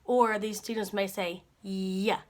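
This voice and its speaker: A woman's voice: medium pitch, moderate pace, fairly bright tone. A young adult woman working as a speech-language pathologist, explaining articulation cues and modeling each sound with short repeated syllables. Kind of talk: instructional explanation.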